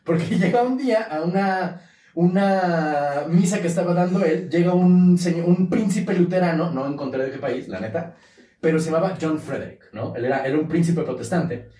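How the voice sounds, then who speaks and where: A man with a Mexican accent co-hosting a podcast, telling a story in a casual, slangy, animated way. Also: fairly high pitch, normal speed. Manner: animated, slangy, laughs as he tells it. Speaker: podcast co-host. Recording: roomy echo, mic at a distance.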